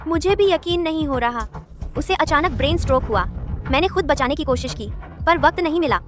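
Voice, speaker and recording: A woman's voice: high voice, animated, brisk. An actress playing a scheming young woman who offers false comfort and slyly coaxes a grieving man, in a dubbed drama. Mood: consoling. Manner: falsely consoling, sly.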